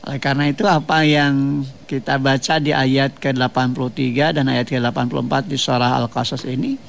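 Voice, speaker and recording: A man preaching a radio sermon in a measured, explanatory way, often repeating phrases and ending them with tag questions. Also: mid-range voice, level tone, gravelly, a little hiss or hum. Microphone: radio studio microphone.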